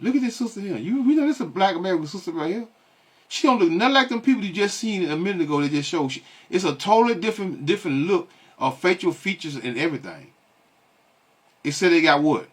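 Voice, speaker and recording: A man with a somewhat high, breathy-husky voice delivers a blunt commentary on clips he plays. He scolds his audience and keeps asking rhetorical questions and answering them himself. He stalls on fillers before pressing on. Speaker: online religious commentator. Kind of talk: ranting commentary on video clips.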